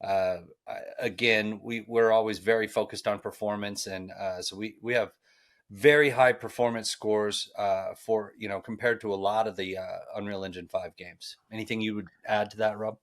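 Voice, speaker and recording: A man's voice: fairly low pitch, steady tone, moderate pace, a bit bright. A man hosting a casual podcast, friendly and rambling with lots of fillers. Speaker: podcast host.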